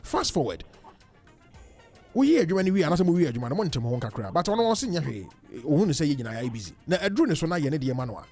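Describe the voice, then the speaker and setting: A man with a Ghanaian accent hosting a lively call-in debate, interrupting and repeating phrases emphatically as he switches between languages. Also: fairly high pitch, fast talker, faint music behind. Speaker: radio show host.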